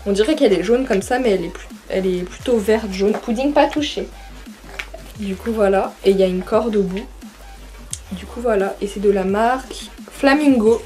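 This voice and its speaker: A young woman chatting casually as she unboxes a monthly pet box, chatty and full of fillers and excited asides. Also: medium pitch, normal speed, soft background music. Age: young adult.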